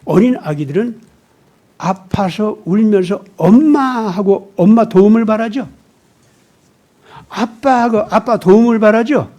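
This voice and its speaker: High-voiced male pastor preaching emphatically. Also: a little slow, pauses often, warm tone. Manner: emphatic, acts out dialogue in his storytelling. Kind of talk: sermon. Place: church.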